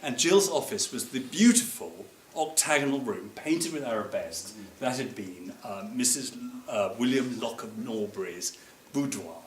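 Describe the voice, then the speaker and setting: A man tells affectionate, wry stories at a memorial gathering, his pitch rising and falling in lively swings. He laughs through his anecdotes and wanders off on asides. The voice carries around an echoey room over a clear hum of background noise. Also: normal speed. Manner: wry, laughing, digressive storytelling. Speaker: speaker at a memorial reception. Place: museum reception room.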